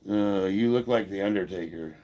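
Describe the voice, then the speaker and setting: With a mellow, low-pitched voice at a moderate pace, an American powerlifter in his fifties hosts an informal livestream. He answers viewer comments bluntly and with some swearing while clearly stuffed up from a head cold.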